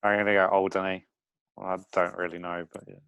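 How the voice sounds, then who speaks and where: Man, low voice, laid-back, unsure quiz answers, casual chat. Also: level tone, fast, creaky, fairly bright tone, clean tone, muffled recording. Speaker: podcast co-host.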